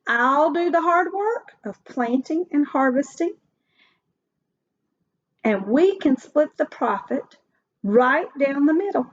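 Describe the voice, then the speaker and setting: A woman voicing a clever, eager male hare in a storybook, with a persuasive, animated manner. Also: high voice, takes it slowly, pauses often, pitched above the performer's own voice. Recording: dull lo-fi recording.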